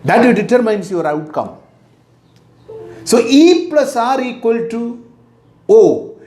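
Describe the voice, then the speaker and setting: A middle-aged man with an Indian English accent giving a motivational talk, slow and deliberate, repeating his key phrases. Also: extremely high pitch, sing-song, darkish tone. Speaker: motivational teacher. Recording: echoey room.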